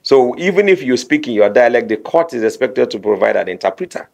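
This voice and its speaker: A man, a radio guest explaining a court technology program with lively anecdotes. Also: mid-range voice, fairly quick, vocal fry.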